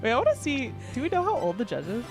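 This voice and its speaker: A woman's voice: a little high, wildly swooping pitch, fast talker, soft background music. A young woman chatting casually as co-host of a video game playthrough, joking and teasing. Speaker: let's play co-host. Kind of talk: casual gaming chat.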